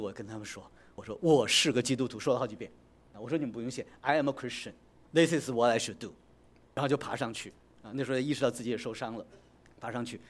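A middle-aged male pastor telling a lively personal story in a sermon, dropping in English words and chuckling as he goes. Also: mid-range voice.

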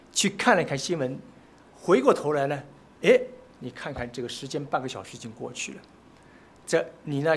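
A man's voice: a little high, gravelly, a little hiss or hum. A man preaching a sermon, speaking with frequent filler sounds and rising emphatic peaks. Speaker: pastor.

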